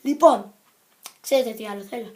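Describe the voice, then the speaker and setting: This vlogger's voice is slightly high and a bit mellow as she chats to the camera. Her talk is playful and goofy, wandering between subjects and full of self-corrections.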